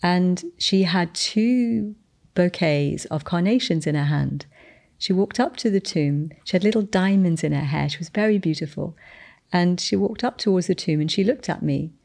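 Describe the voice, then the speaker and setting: A woman earnestly telling a testimony of a spiritual encounter, with restarts and slowed, emphatic phrases. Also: fairly low pitch, creaky, a little mellow. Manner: descendant of the Boleyn family telling a spiritual encounter. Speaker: guest sharing a testimony. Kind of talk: storytelling testimony.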